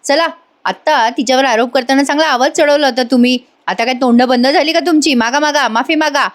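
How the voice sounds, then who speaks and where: A woman's voice: high-pitched, a little fast, voice pushed up, lightly acted. A woman voicing a stern older patriarch who scolds and gives orders. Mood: scolding.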